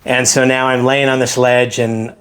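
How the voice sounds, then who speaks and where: A man's voice: mid-range voice, flat delivery, normal speed, noisy background. A man who is a helicopter pilot, telling a story casually in an interview and acting out the quotes with energy.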